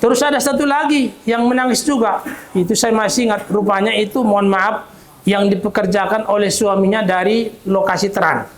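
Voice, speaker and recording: Man, preacher, sermon, calm, measured, high voice, echoey room. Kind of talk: sermon with storytelling.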